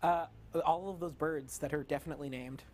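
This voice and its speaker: A man's voice: a little high, steady tone, a little fast, a little hiss or hum. A young man co-hosting a casual student TV chat, offhand and teasing, often hesitating. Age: young adult. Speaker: co-host. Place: college TV studio.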